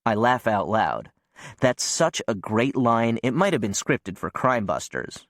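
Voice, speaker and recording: A man narrating a novel in first person in an even, measured way. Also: medium pitch, no echo, clean studio sound. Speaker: audiobook narrator.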